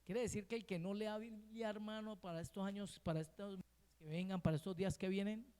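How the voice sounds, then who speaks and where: A man's voice: high-pitched, fairly even intonation, fairly quick, mellow, smooth, long reverb tail. A man preaching a sermon as pastor, often checking in with the congregation with short questions. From Colombia. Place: church hall.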